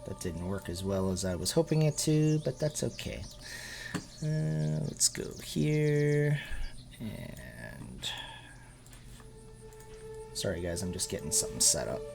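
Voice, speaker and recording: A man's voice: low-pitched, sing-song, takes it slowly, creaky, long pauses, over music. A man running a tabletop game as game master, narrating in a loose, rambling way with lots of fillers.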